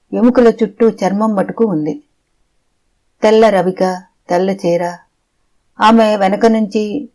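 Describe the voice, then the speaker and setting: A narrator reading a story aloud in a steady, measured way. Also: medium pitch, rough recording. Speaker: audiobook narrator. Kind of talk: scripted audiobook narration.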